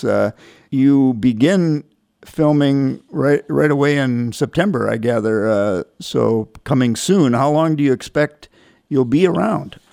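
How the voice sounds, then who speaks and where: A man hosting a local radio news interview, chatty and friendly, with lots of halting fillers. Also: medium pitch, gravelly, warm tone, dry recording, clean studio sound.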